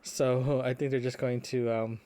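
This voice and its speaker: Rambling through an unscripted podcast audio diary, a man speaks haltingly and drifts into asides that trail away. He's medium-pitched and mellow, with very little movement in his pitch.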